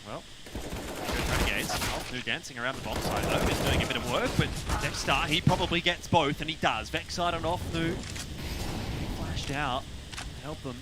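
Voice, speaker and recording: A man's voice: a little high, moderate pace. Male esports caster over game gunfire. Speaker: esports play-by-play commentator. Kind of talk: live game commentary. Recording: clear gunfire and game noise behind.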